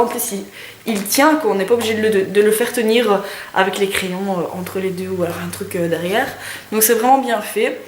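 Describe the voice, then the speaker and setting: A young woman reviewing makeup in a casual, chatty way, with many hesitations and lots of enthusiastic praise. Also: on the high side. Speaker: beauty vlogger. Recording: echoey room with faint noise.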